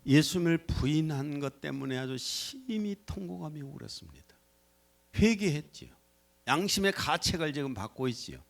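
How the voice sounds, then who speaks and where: A pastor delivers a Sunday sermon in an animated voice that rises and falls a great deal. His pitch sits a little high for a man. He acts out quoted lines by changing how high and how loud he speaks. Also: moderate pace, creaky. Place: church sanctuary.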